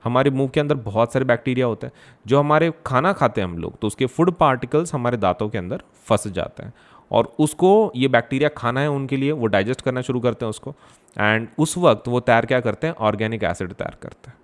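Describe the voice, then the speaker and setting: A young male teacher runs a quick exam revision class. He poses questions and answers them himself, with frequent fillers and emphatic stresses. His voice sits at an ordinary middle pitch. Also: lively intonation. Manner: mixes Hindi and English, asks and answers his own questions. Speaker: science teacher. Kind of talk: online exam revision lesson.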